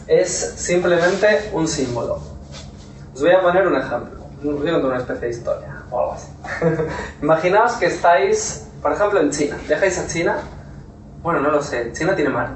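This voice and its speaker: A man's voice: on the high side, moderate pace. A man with a Castilian Spanish accent gives an informal workshop talk, telling a story and often checking in with his listeners. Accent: Spain (Castilian Spanish). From Spain. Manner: storytelling, keeps checking in with "¿vale?". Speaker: workshop speaker. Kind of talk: informal lecture to a small audience. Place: talk room at a therapy centre. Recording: echoey room, voice from far off, faint noise.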